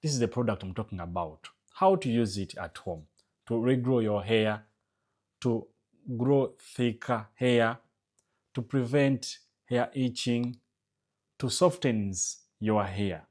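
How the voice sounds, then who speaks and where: A man's voice: medium pitch, takes it slowly, a little mellow. A man from Uganda with a Ugandan English accent, giving a casual home-remedy tutorial. He talks emphatically and repeats his calls to subscribe, his voice rising on key words. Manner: repetitive, urging viewers to subscribe. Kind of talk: casual instructional vlog.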